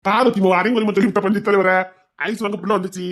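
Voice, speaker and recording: A man's voice: high-pitched, steady tone, fairly bright tone. A man playing a cheeky young village man, who whines and protests his excuses. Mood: protesting. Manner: whining, protesting, rapid excuses.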